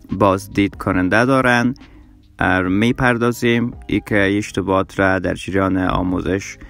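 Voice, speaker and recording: A man teaching English who says his example phrases slowly and carefully and pauses often with "uh" between quicker explanations. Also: fairly low pitch, fairly bright tone. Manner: many hesitation fillers. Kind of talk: language lesson video.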